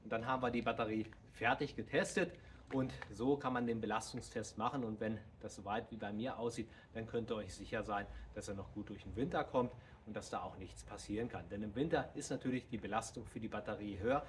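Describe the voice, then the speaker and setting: A man in his thirties hosting a how-to video, explaining to viewers in a steady, direct way while standing outdoors in a driveway by a car. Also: lowish voice, a little fast, slight background noise. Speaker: DIY car channel host.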